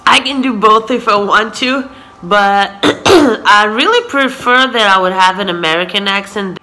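Her voice is fairly high and sharp here, with slight background noise and poor audio. The Hebrew-speaking vlogger from Israel, in her twenties, chats casually through questions and answers from her living room sofa, often laughing and saying "so yeah," with a camera recording up close in front.

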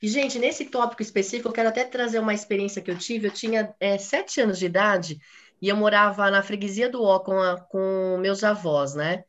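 A woman's voice: mid-range voice, fairly even intonation, a little fast. A woman, giving a sales talk and chatting with her audience. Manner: chatty, addresses audience as gente, frequent né. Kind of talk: live online talk. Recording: dull lo-fi audio.

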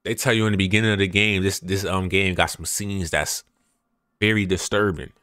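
A young man streaming a horror game, talking in a relaxed, slangy hype style and repeating his phrases. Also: deep voice, a little fast, smooth, dry recording, studio quality. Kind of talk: casual live gameplay commentary.

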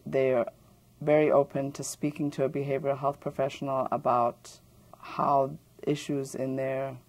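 A woman behavioral health professional speaking in a measured, calm way in a documentary interview. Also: extremely low pitch.

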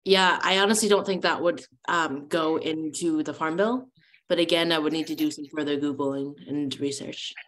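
A woman's voice: low-pitched, fairly even intonation, moderate pace, fairly bright tone. A young woman grassroots organizer speaking on an online panel, talking in a hesitant, hedging way. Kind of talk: panel discussion. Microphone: video call.

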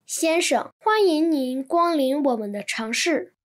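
A woman reading translated textbook sentences in an even, clear manner. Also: high-pitched, measured pace. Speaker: Chinese translation reader.

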